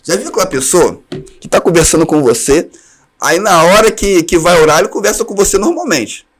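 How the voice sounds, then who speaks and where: A man from Brazil leads an online class for teachers, giving earnest, direct advice. His voice sits on the higher side and he keeps a quick pace. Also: expressive. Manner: earnest advice, speaks straight to listeners. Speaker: teacher trainer.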